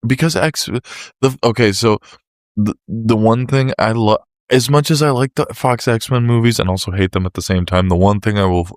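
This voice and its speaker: Deep-voiced man, slangy fan chatter. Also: a little mellow, clean tone, no echo, clean studio sound. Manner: slangy, enthusiastic fan talk. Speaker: podcast co-host. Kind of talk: casual chat.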